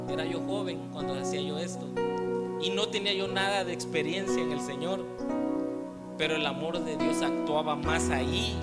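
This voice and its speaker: Male preacher, Mexican accent, slightly high voice, church sermon with loud music behind. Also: long reverb tail. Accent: Mexican Spanish. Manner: personal testimony, questions to the congregation.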